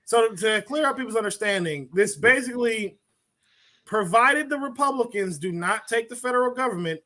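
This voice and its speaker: A man guesting on a casual live podcast, animated and swearing casually. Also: high voice. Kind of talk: casual live-stream chat.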